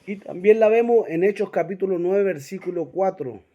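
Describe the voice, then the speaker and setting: A man's voice: sits high, normal speed, mellow, lo-fi sound. A man teaching a Bible class, reading verses aloud and often checking in with his listeners. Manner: reads scripture aloud and directs listeners to verses.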